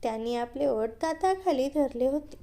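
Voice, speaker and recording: Brief: woman storyteller, high voice, mellow tone, steady scripted read. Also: normal speed.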